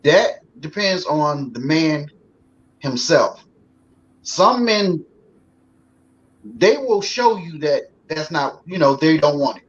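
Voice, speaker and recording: A man's voice: a little high, expressive, takes it slowly, pauses often, husky. A man in his forties, a guest on a talk show, talking in a loose, folksy way with lots of fillers. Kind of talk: casual talk show conversation. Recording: slightly dull sound with faint noise.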